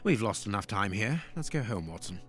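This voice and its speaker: A stiff, aloof detective from a video game cutscene, his voice pitched low. He speaks in a flat, unemotional way, clipped and unhurried, with music behind him. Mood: curt. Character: stiff aloof male detective, middle-aged.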